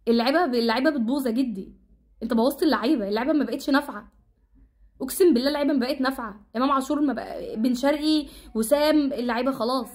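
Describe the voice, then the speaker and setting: Egyptian woman, high-pitched vlogger, rapid exasperated ranting commentary. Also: a little mellow. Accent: Egyptian Arabic.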